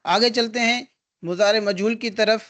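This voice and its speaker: A man's voice: sits high, steady tone, bright, forceful tone. A male teacher giving an online grammar lesson, explaining step by step and answering his own questions. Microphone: video call.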